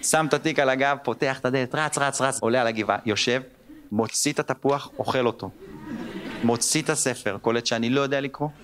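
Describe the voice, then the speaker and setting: A man in his thirties doing stand-up on stage, telling childhood stories and slipping into squeaky and gruff voices for the people in them. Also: slight background noise. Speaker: stand-up comedian. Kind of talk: stand-up storytelling. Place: theater stage with live audience. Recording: live show with loud crowd laughter.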